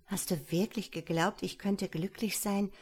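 A bold, cheeky fairy-tale princess, as a woman reading aloud brings her to life, who teases and mocks. She talks quicker and a bit louder than the narration, with a bright, cocky tone. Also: mid-range voice, fairly even intonation, slightly rough. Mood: teasing. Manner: teasing, mocking. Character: bold, teasing young princess sister.

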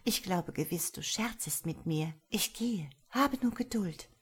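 A woman voicing a scornful noble lady who teases a freezing suitor with mock sweetness, in a breathy voice, for a storybook reading. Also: fairly low pitch, lively intonation, unhurried, heavily acted. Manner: teasing, sly, mock sweetness.

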